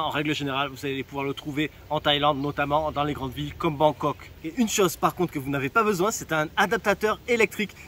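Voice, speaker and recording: A man's voice: a little high, fairly bright tone, slight background noise. A man giving casual travel advice in a vlog, chatty and direct with joking asides, recorded outdoors in a town. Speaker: travel vlogger.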